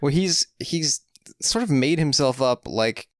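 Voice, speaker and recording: His mid-range voice is expressive and a little slow, with no room sound. The man co-hosts a podcast in a casual, jokey chat, rambling and riffing on tangents.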